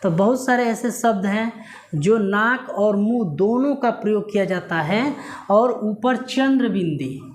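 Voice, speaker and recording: A man's voice: high-pitched, lively intonation. Echoey male teacher explaining step by step. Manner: asks questions and answers them himself; repeats key words slowly for emphasis. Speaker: Hindi grammar teacher. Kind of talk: classroom lesson for students. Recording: echoey room with faint noise.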